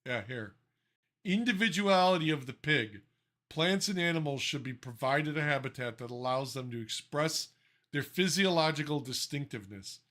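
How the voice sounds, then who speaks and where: A man's voice: on the high side, expressive, normal speed, a bit bright. A man co-hosting a casual podcast, ranting and swearing in exasperation, often restarting his sentences. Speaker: podcast co-host.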